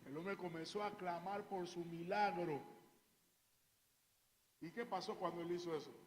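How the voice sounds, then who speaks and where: Male pastor, fiery sermon delivery, high-pitched, recorded in a reverberant hall. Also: measured pace. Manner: fiery preaching, shouts out quoted cries; often calls the listeners "hermano".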